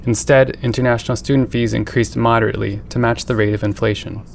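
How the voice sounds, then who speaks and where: A man reporting and narrating a scripted news feature in a measured, even reading. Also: mid-range voice, creaky, slight background noise. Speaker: radio reporter.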